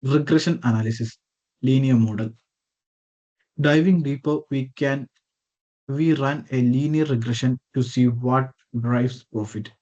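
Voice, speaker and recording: A man gives a scripted slide presentation over a video call. His voice is dark and mellow. The call audio sounds dull and muffled, and he reads with small slips that he corrects as he goes. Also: mid-range voice, measured pace. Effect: heard over a video call. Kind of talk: reading a prepared slide presentation.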